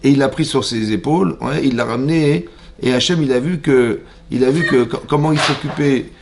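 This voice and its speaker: A man with a French accent, a rabbi giving a lively Torah class in a synagogue. He reads out Hebrew verses, explains them and keeps asking his listeners questions. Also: mid-range voice, brisk, vocal fry. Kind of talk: animated Torah lesson to a mixed class. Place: synagogue hall.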